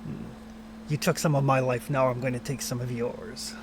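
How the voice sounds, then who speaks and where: A man's voice: mid-range voice, fairly even intonation, moderate pace, gravelly, noisy background, natural voice. A man voicing a menacing creature that threatens from the darkness in a tabletop game.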